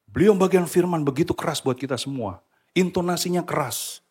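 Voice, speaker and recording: A man preaching a sermon to a church congregation, animated and often slipping English phrases into his talk. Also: mid-range voice, breathy edge. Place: church hall.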